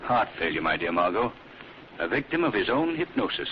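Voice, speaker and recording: An actor playing a commanding, calm and ominous crime-fighting vigilante in a theatrical, solemn 1940s radio style. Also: male voice, lowish voice, brisk. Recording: muffled, noisy old radio recording.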